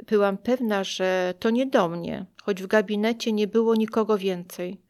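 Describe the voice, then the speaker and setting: Woman narrator, first-person memoir, quiet and reflective, smooth clear voice, mid pitch. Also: moderate pace. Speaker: narrator of her own story.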